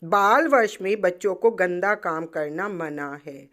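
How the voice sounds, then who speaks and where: A woman's voice: mid-range voice, sing-song, a little slow, a little mellow. A woman reading as an indignant schoolgirl. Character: bossy schoolgirl scolding her elders.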